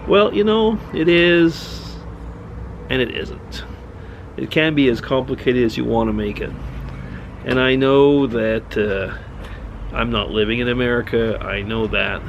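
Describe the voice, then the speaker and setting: Middle-aged man from Switzerland, casual rambling vlog monologue, gravelly voice, faint hiss behind. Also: medium pitch, unhurried, lo-fi sound. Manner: rambling, musing, many restarts. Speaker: vlogger.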